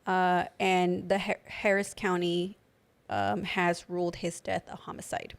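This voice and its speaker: A woman's voice: on the low side, little pitch movement, a little slow, gravelly. Chatty woman with a slight lisp. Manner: chatty, lots of "like" fillers. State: slight lisp from new dental aligners. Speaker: podcast co-host. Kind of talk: casual chat.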